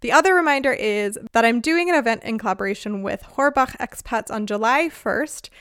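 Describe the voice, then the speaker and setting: A woman's voice: on the high side, expressive, fairly quick, fairly bright tone, clear, resonant tone, no room sound, studio quality. A woman hosting a podcast, talking in a chatty, upbeat way and laughing easily. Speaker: podcast host. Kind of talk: casual podcast talk. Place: lives in Germany.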